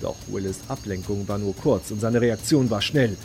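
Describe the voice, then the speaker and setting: Brief: male audiobook narrator, lowish voice, dramatic reading, loud music bed. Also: moderate pace. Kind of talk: scripted story narration. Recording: read over loud background music.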